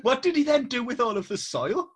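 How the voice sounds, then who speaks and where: A man's voice: extremely high pitch, very animated, brisk, breathy edge. A man hosting a podcast over a video call, joking sarcastically and swearing freely. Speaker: podcast host. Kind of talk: casual chat.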